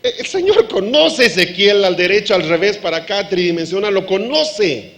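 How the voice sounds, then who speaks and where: A man preaching a sermon as pastor, lively, asking the congregation questions and acting out dialogue. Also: sits high, normal speed. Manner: animated preaching, acts out dialogue.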